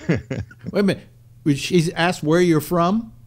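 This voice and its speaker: A man's voice: a little high, slow pace. An older man hosting a casual panel chat, rambling, repeating himself and cracking dry jokes. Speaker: host.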